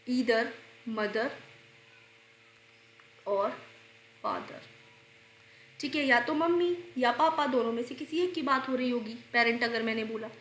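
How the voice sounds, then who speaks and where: A woman teaching grammar for exams, explaining slowly, repeating answers and posing questions she answers herself, coughing and clearing her throat while unwell. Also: high-pitched, a bit bright, reverberant, a little hiss or hum. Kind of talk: exam-prep grammar lesson.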